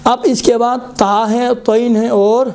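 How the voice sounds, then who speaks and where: A man's voice: very high-pitched, level tone, darkish tone. Man teaching recitation, sounding out letters. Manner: repeatedly demonstrates letter sounds aloud, prompting "look". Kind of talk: classroom tajweed lesson.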